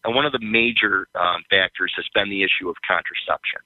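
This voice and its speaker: A man calling in to a radio show over a phone line, talking in a hesitant, halting way with many fillers. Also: low voice, no room sound. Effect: heard over a phone line. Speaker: caller. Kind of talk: call-in conversation. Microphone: phone held by the caller.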